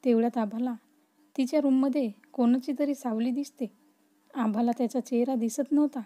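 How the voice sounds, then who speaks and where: High-voiced woman narrating a story. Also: steady tone, moderate pace, mellow.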